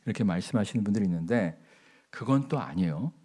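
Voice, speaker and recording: Animated Korean male pastor preaching. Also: fairly low pitch, quick pace. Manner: animated storytelling, acting out biblical quotes, folksy humor. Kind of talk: sermon.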